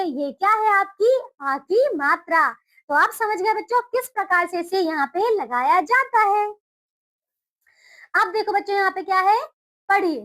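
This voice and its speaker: A woman teaching young children to read, coaxing them and reading words slowly and drawn out. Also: extremely high pitch, fairly bright tone. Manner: coaxing, keeps checking in with the class.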